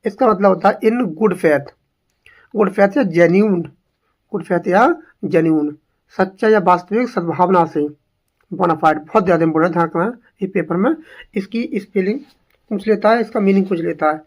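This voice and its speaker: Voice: medium pitch, normal speed, long pauses. An English teacher giving an exam-prep lesson, drilling each word by repeating it and asking rhetorical questions.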